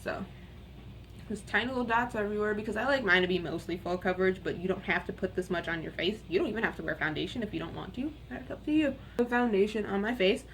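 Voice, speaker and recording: Raspy young woman chatting through her makeup. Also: mid-range voice, fast, a little hiss or hum. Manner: chatty, candid and rambling, with casual swearing. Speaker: beauty vlogger. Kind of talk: casual get-ready-with-me makeup chat. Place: home room at her makeup desk.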